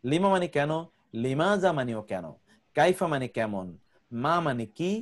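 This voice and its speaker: A man's voice: on the high side, lively intonation, measured pace. A man teaching an online grammar class, patiently repeating word lists for students to memorize.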